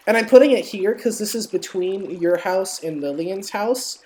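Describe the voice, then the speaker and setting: Keyboard clicks and a noisy room surround a young woman who effusively chats in slang while playing a multiplayer block-building game, performed as a dramatic reading. Her mid-range, dark-toned voice is animated, close to everyday speech, and moderately paced.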